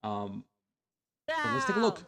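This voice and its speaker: A young adult man on a stream looks back on old videos, chatting casually and rambling with lots of fillers and restarts. His voice is high-pitched, with huge pitch swings, and he speaks at an unhurried pace.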